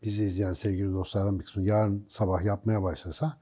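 Fast-talking husky man, informal. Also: lowish voice, little pitch movement, dark tone. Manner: informal, colloquial, shares personal experience. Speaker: co-host. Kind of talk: casual chat.

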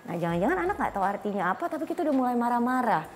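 A woman in her thirties with an Indonesian accent explains things informally as a guest expert, acting out short parent-and-child dialogues. Her voice is a little high, with big pitch swings and a rapid-fire pace; she's on a clip-on lapel mic in a small furnished indoor studio set, with a little hiss or hum.

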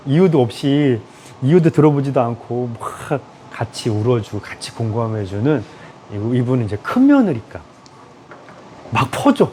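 A man giving a lively lecture in a room, acting out people in raised voices and laughing often. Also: medium pitch, normal speed, a little hiss or hum.

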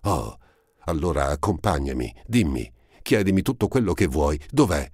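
Storybook figure: a man as an urgent lovestruck young man, very deep, dry sound. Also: sing-song, normal speed, darkish tone, breathy edge, no echo, heavily acted. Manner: urgent, insistent.

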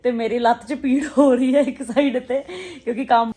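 A woman's voice: a little high, steady tone, a little fast, warm tone. A woman with a Punjabi accent chatting casually as she films a vlog. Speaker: vlogger.

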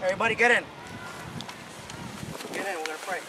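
A man's voice: sits high, fast talker. A man, a football coach, gives an emphatic, repetitive pep speech to his team, firing call-and-response questions at them. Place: outdoors on a grassy football field. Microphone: camera a few metres away. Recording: noisy outdoor field, team crowd behind.

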